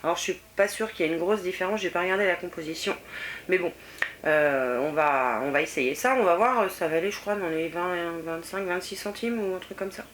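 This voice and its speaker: Middle-aged woman, French accent, low-ish voice, hesitant chatty haul vlog, noisy home recording. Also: brisk. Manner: chatty, many hesitations and fillers. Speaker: vlogger. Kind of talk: casual haul video chat.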